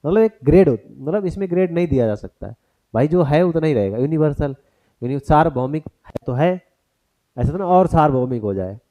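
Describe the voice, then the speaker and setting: A man's voice: a little high, lively intonation, brisk, dark tone. A man teaching a grammar lesson for exam prep, who turns each point into a question for the class and mixes English terms into his explanation.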